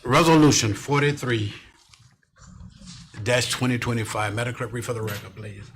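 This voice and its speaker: A man's voice: medium pitch, steady tone, normal speed, fairly bright tone, slight background noise. A man chairing a city commission meeting as mayor, emotional and tearful, often repeating his words. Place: council chamber.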